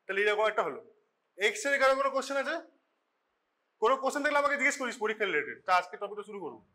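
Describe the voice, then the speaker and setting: A man's voice: high voice, animated, very fast, pushed and bright. A man lecturing medical students in a classroom, speaking with a Bengali accent in a chatty, scolding way, often slipping into English. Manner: chatty, scolding, switches into English mid-sentence. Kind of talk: informal classroom teaching. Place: college classroom.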